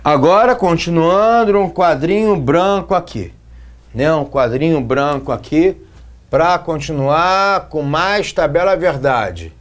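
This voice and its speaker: A man from Brazil explains logic slowly at a whiteboard, with a lively intonation that rises and falls widely. Moving step by step, he keeps checking comprehension by putting brief questions to his students.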